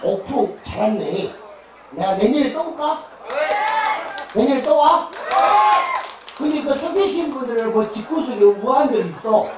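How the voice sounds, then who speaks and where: A high-voiced man with a broad Jeolla accent works an outdoor festival crowd as a pumba clown, heckling and joking crudely while laughing between jabs. His voice rings out through loud, echoing speakers. It is caught from a distance over the chatter of a big crowd. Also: expressive, a little slow, pauses often. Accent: Jeolla Korean. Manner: crude, teasing, laughs through his lines, bursts into shouts. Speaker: pumba street performer and emcee. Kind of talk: bawdy comic stage banter with the crowd. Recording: echoey loudspeaker sound, filmed from far off, crowd noise.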